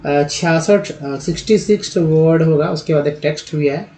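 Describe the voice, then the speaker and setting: A man teaching English reading in a slow spoken lesson, reading word lists aloud and speaking to viewers as friends. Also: on the high side, mellow. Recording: dull lo-fi recording.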